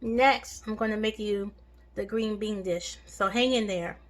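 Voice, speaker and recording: In an unhurried, medium-pitched voice, a home cooking host walks viewers step by step through a recipe in her kitchen. She keeps the demonstration casual and homely, chatting as she cooks.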